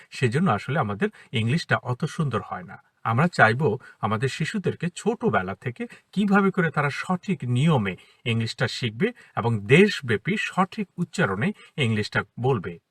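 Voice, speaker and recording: A man with a Bengali accent giving a casual spoken English lesson from inside a parked car, explaining patiently and slowing down to model English sentences. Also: medium pitch, fairly bright tone, slightly rough, dry recording, far from the mic. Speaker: English teacher, academy founder.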